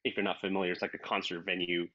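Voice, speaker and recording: A man's voice: deep voice, very fast, no room sound. A man, a voice actor, telling stories in an interview and acting out the quoted lines, heard over dull, dry call audio. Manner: animated, acts out quoted dialogue. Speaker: voice actor guest. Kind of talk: casual interview storytelling. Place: based in Los Angeles.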